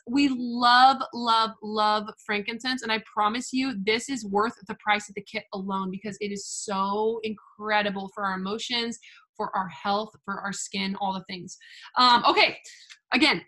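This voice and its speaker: A woman's voice: fairly high pitch, pushed and bright. A young woman from the United States chatting casually as she walks through an essential oils kit, gushing and filling her talk with "like" and "literally". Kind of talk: casual product walkthrough.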